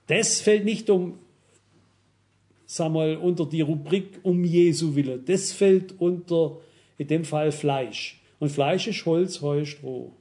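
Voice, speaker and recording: A man's voice: a little high, warm tone. A man preaching a sermon, reasoning with examples, reading Bible verses aloud and often asking the congregation "wisst ihr?". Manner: measured, cautious reasoning with examples.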